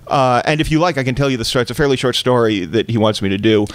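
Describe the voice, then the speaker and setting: A man's voice: medium pitch, very fast, dry recording. Guest storyteller, male, dry close sound, wry and precise comic reading. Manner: wry, precise and wordy delivery.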